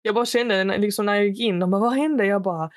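A young woman on a podcast recounts a story in lively, casual chat, voicing quotes loudly and slipping English phrases in. Her medium-pitched voice holds a steady tone. The studio sound is clean with no room sound.

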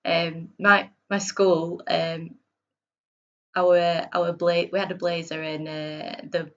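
A woman's voice: fairly low pitch, little pitch movement, takes it slowly, lo-fi sound. A woman from Bradford with a West Yorkshire accent, chatting casually and self-deprecatingly as a podcast guest. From Bradford, northern England. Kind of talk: casual conversational interview.

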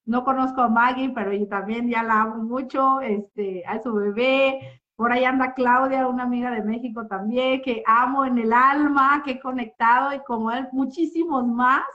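A woman's voice: on the high side, a bit bright. A woman gives a heartfelt personal therapy testimony. She talks expressively and often checks in with tag questions. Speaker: guest giving a therapy testimony. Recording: muffled lo-fi audio.

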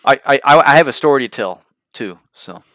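A man's voice: mid-range voice, expressive, a little fast, pushed and bright, no room sound. A man co-hosting a casual gaming podcast, eager and building up to a story of his own.

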